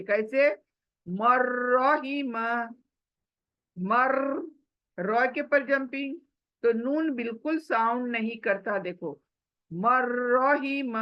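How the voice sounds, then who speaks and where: A woman leads a tajweed class with patience, walking through each rule and voicing recitation examples slowly, with English words mixed in. Her voice sits a little high, and the recording loses its highs.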